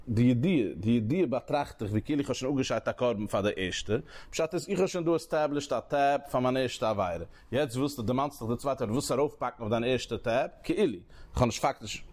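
A man giving a Talmud lesson at a steady, mid-range pitch. He works through each step in turn and lifts his voice sharply upward when he stresses a point. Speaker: Talmud teacher. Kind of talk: Talmud study lecture.

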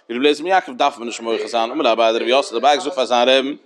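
A man's voice: medium pitch, rapid-fire, a crowd in the background. A man teaching a Talmud lesson in a sing-song study cadence with many fillers.

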